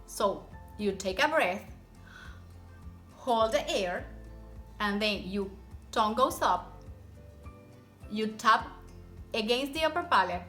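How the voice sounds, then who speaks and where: Bright-voiced woman teacher demonstrating rolled r's. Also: fairly high pitch. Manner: demonstrates rolled and tapped r sounds; encouraging, step-by-step, repeats example words slowly. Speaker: Spanish pronunciation teacher. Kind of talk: instructional language lesson to camera.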